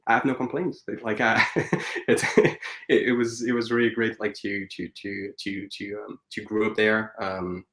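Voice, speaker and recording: Brief: thirties man, French accent, lowish voice, halting and filler-heavy, roomy echo. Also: level tone, a bit bright. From France. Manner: hesitant, many fillers and restarts. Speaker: guest animator. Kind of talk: casual interview chat.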